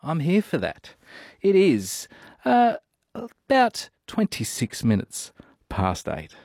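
A man's voice: fairly high pitch, huge pitch swings, slow pace, a little mellow. A man with an Australian accent, a radio broadcaster interviewing a chef and chatting on air in a jokey, enthusiastic way. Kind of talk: radio interview and live commentary.

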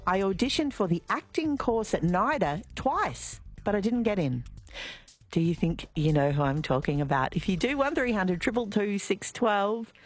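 Lively Australian woman hosting talkback radio. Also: medium pitch. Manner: chatty, lively, repeats clues slowly. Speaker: radio host. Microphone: studio microphone.

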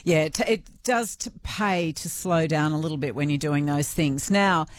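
A woman's voice: low voice, normal speed, dry recording. An Australian woman hosting a radio programme in a chatty, informal, conversational way. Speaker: radio host.

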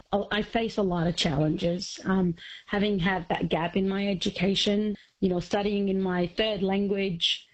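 Young woman from syria, flat low-ish voice, dull muffled audio. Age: young adult. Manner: soft-spoken, steady, with "um" fillers. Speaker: interviewee. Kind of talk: interview answers.

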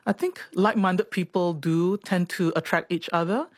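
A woman's voice: fairly low pitch, moderate pace, darkish tone, no room sound, clean studio sound. Chatty woman in her forties. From Singapore. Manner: chatty, reflective, laughs often, repeats words. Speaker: interviewee, doctor. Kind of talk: reflective personal storytelling.

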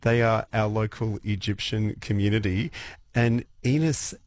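A man's voice: lowish voice, unhurried, darkish tone, no room sound. A man hosting a radio interview, reacting with encouraging remarks. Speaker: radio host.

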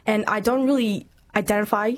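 Here a Burmese woman in her 20s speaks briskly at a medium pitch, her intonation fairly even. She is a guest in an interview, sharing her own story earnestly and thoughtfully.

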